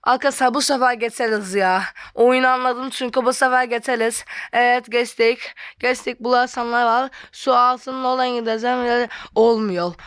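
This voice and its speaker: Bright high-voiced excitable gaming commentary. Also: female voice, moderate pace, few pauses, smooth, no room sound, clean studio sound. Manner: excitable, keeps addressing viewers as friends; loud frustrated outbursts. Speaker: gamer commenting on play. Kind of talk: let's-play commentary.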